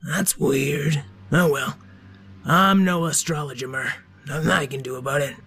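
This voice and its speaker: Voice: mid-range voice, a little slow, a bit bright, breathy edge, faint music behind. A narrator doing a blustery, jumpy young detective. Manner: blustery, easily spooked. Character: bumbling, cocky young male police detective. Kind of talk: storytelling.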